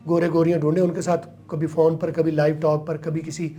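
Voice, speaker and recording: A man's voice: on the high side, level tone, mellow. A man explaining English pronunciation as a teacher, emphatic, repeating words to demonstrate them. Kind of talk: explaining in a studio interview.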